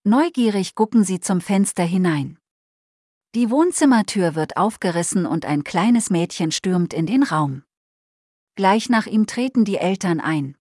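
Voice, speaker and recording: A woman narrating a Christmas storybook in a calm, measured way. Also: mid-range voice, no room sound, studio quality.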